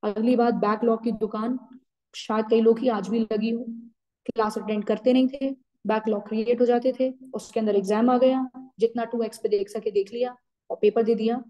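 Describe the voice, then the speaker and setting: A woman's voice: fairly high pitch, fairly even intonation, normal speed, warm tone, muffled recording. A woman teacher gives students a firm, scolding pep talk, slipping into English phrases.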